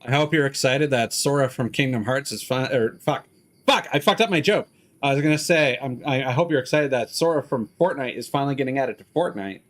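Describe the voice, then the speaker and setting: A man with a medium-pitched, brisk voice live streams a game, chatting casually with rambling, profane, opinionated commentary. Music plays behind his voice.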